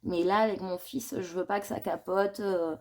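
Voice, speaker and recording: A woman's voice: medium pitch, fairly even intonation, normal speed, darkish tone. A woman chatting casually in a coloring vlog, thinking aloud in a rambling, confiding way and admitting her worries. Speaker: coloring vlogger.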